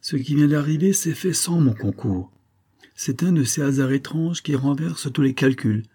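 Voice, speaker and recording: A man's voice: a little high, expressive, normal speed, mellow, breathy edge, pitched above the performer's own voice. A man voicing a scheming army major who talks in a cool, taunting way. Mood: calm scheming. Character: scheming, mocking adult male major.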